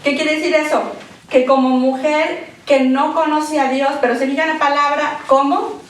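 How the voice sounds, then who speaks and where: A woman's voice: high voice, moderate pace, recorded from a distance. A woman giving a church talk to women, mixing a sermon with a personal story and lots of repeated words and tag questions. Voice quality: animated, swings between loud emphasis and soft emotional tones. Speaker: guest speaker at a women's church session. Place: church hall. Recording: echoey hall, speaker away from the mic.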